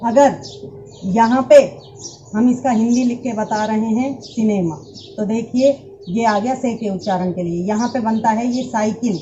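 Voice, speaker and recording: A woman teacher explains English pronunciation at an unhurried pace. Her voice sits a little high but sounds mellow and soft-edged. The lo-fi recording is muffled, with faint hiss and birdsong behind her. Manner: patient, repeats words and addresses students directly. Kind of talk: classroom lesson explaining pronunciation.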